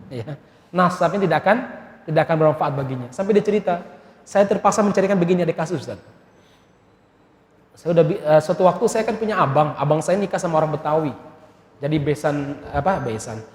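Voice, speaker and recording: A slightly high-voiced preacher from Indonesia's Malay region gives a sermon full of lively storytelling and friendly asides to the congregation. It's recorded in an echoey hall with long reverb.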